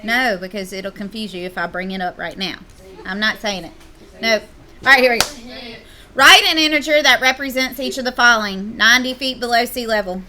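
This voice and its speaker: A woman's voice: fairly high pitch, fairly quick, pushed and bright. A woman teacher, leading a classroom math lesson and playfully teasing her students.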